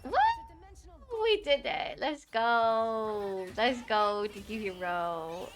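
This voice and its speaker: Excitable, giggly woman streamer. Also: a little high, very slow, slight background noise. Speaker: livestreamer. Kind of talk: casual gameplay commentary.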